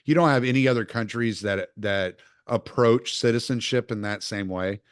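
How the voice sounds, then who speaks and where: A man hosting a casual interview podcast, talking in an opinionated, lively way. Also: medium pitch, normal speed, smooth, dry recording, studio quality. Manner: opinionated, animated when quoting others. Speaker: podcast host. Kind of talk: casual conversation.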